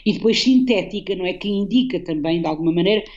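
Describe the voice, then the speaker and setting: Quick-paced and a little mellow, this lowish female voice belongs to a European Portuguese-accented guest poet in a radio conversation, captured in dull audio. She reflectively explains a poem and frequently finishes phrases with a tag question.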